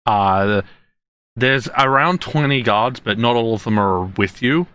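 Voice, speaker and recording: Halting man running a tabletop game. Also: medium pitch, a bit bright, smooth. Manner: halting, many fillers and restarts. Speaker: game master.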